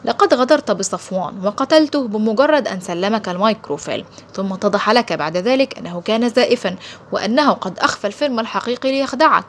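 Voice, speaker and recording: A woman's voice: medium pitch, expressive, fast, slight background noise, natural voice. A woman voicing a composed male secret agent who lectures his captor in a cool, cutting manner in an audiobook. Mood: cool, taunting. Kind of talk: audiobook character voice.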